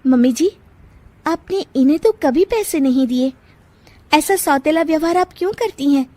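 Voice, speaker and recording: A woman voicing a sharp-tongued young wife who argues back in shrill, combative retorts, for a cartoon. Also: normal speed, no room sound, lightly acted. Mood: defiant.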